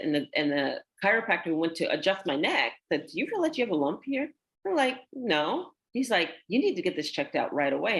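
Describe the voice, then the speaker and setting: Low-voiced woman telling a story. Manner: animated, acts out quoted dialogue. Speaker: guest. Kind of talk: conversational storytelling.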